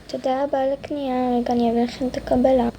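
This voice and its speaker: אישה עם קול גבוה, משחקת קופאית בסקיצה קומית, רעש רקע ברור בהקלטה. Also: female voice, high-pitched, little pitch movement. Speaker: video creator. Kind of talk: acted comedy skit. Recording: noisy background hiss.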